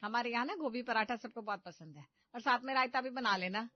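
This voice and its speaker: A woman voicing a bossy, sharp-tongued middle-aged mother-in-law who scolds loudly and impatiently in a cartoon story. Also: on the high side, fairly quick, dry recording, close to an everyday voice. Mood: instructing. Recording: slightly dull audio with background music.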